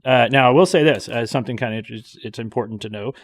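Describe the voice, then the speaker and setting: A man's voice: medium pitch, racing. A man hosting a podcast, chatting casually and explaining with enthusiasm and frequent fillers. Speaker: podcast host.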